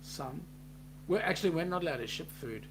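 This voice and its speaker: Reading out chat messages full of filler ums, the Kiwi co-host keeps the live stream casual and relaxed. He talks fairly quickly in a slightly high voice, with a bit of background noise.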